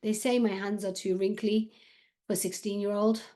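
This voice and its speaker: A woman voicing a downcast syrian teenage boy, syrian accent, halting broken english, storybook reading. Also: medium pitch, flat delivery, mellow, natural voice. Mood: resigned.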